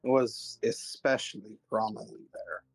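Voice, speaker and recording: A man's voice: on the low side, steady tone, measured pace, husky, no room sound, faint music behind. A man playing a tabletop roleplaying game, casually asking questions in play.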